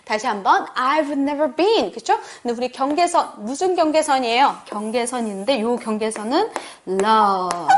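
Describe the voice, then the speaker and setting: A woman whose first language is Korean leads an online English lesson. Her voice sits high and moves all over the place. She jumps between quick, animated explanations full of rhetorical questions and slow, emphatic English sentences meant for repetition. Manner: modeling English sentences slowly and emphatically for learners to repeat. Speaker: English teacher.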